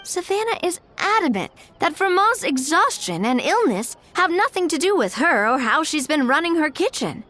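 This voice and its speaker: Poised, high-voiced young heroine. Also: female voice, big pitch swings, normal speed, hardly any pauses, bright, forceful tone, full character voice. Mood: weary, explanatory. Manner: polite, composed, firm. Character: poised, principled, friendly young woman leader. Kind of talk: animated game voice acting.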